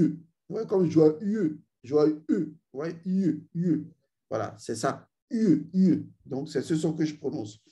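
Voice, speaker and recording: A man teaching a spiritual ritual, speaking slowly and intoning drawn-out vowel sounds for his students. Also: fairly high pitch, mellow. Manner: addresses learners directly, repeats "vous voyez". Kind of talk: esoteric ritual instruction.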